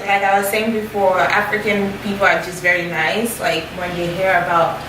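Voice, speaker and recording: A young adult woman who talks in a lively way and laughs easily in a casual group chat. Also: mid-range voice, moderate pace. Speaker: guest. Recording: echoey room with loud noise from a distant mic.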